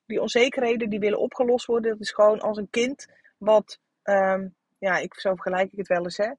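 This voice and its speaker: A woman's voice: medium pitch, fairly even intonation, brisk, a little mellow, husky, no echo. A woman in her thirties hosting a solo podcast, talking frankly and coaching her listeners, swearing casually, with many fillers and restarts. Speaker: podcast host. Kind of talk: candid solo podcast monologue.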